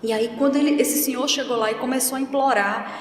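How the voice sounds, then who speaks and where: A woman's voice: high voice, fairly even intonation, quick pace, a little hiss or hum. A woman giving a spiritist public lecture in a hall, telling a story and acting out its voices. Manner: storytelling, acts out quoted voices. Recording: echoey hall from far off, faint music.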